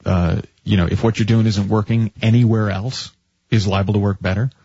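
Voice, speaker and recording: A man with a lowish, steady, mellow voice and a breathy edge hosts a call-in advice show from a radio studio, talking briskly. He's chatty and coaching, often restarting his sentences. The recording is dry with the highs cut off.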